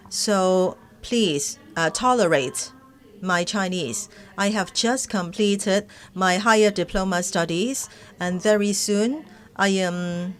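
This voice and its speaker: A woman working as a live interpreter of webinar speeches, speaking haltingly, phrase by phrase. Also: mid-range voice. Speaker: simultaneous interpreter.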